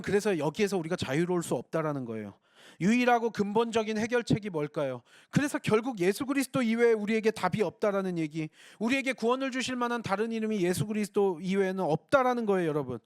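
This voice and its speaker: Male preacher, urgent rapid delivery, rhetorical, dry close mic. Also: sits high, dry recording. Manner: earnest, rhetorical questions to the congregation. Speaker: pastor. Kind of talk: sermon.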